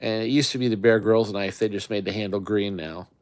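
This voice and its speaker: With a lowish, darkish voice and fairly even intonation, a middle-aged man talks fairly quickly. He hosts a camping channel and chats in a rambling, filler-heavy way during a live stream, with roots in the Great Lakes region.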